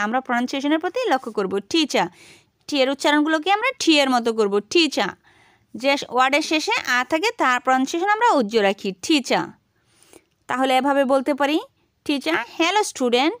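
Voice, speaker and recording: A woman with a Bangladeshi accent teaching a primary English lesson, saying English phrases slowly and carefully. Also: high-pitched, fairly bright tone, no echo, clean studio sound.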